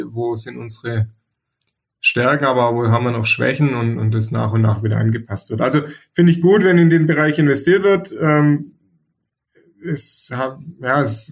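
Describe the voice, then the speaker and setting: A man discussing football club youth policy in a measured, reflective way, pausing often to find his words. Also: mid-range voice. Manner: measured, reflective, frequent hesitations. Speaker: podcast co-host, football pundit. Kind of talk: casual discussion.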